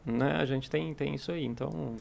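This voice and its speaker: A man's voice: a little high, moderate pace, creaky, crowd noise. A Brazilian man, an English teacher and coordinator, chatting casually and acting out little stories with quoted dialogue. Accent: Brazilian Portuguese. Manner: animated storyteller, acts out quoted dialogue. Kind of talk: casual podcast chat.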